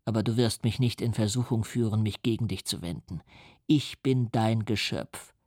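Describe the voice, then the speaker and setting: A man's voice: fairly low pitch, fairly even intonation, normal speed, a little mellow, no room sound, studio quality, lightly acted. Man reading as a bitter, menacing giant creature. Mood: pleading, grave. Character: huge wretched male creature, bitter, proud, menacing.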